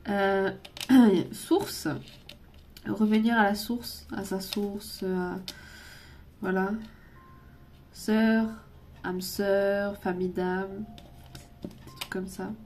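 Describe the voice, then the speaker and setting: A woman's voice: medium pitch, fairly even intonation, drawn-out words, pauses often, darkish tone, slight background noise. Giggly rambling woman reading cards. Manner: giggly, rambling, slips into English words. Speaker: tarot and oracle card reader. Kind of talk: casual card-reading video.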